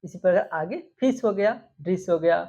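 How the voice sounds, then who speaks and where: Gravelly-voiced woman teaching spelling. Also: fairly low pitch, lively intonation, normal speed, mellow. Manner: repeats words and quizzes with questions. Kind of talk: explaining rules to students. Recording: dull lo-fi recording.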